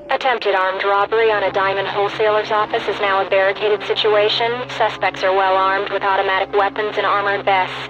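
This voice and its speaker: A woman's voice: mid-range voice, highs cut off. A woman playing a businesslike American police dispatcher in a video game, clipped and procedural over a police radio.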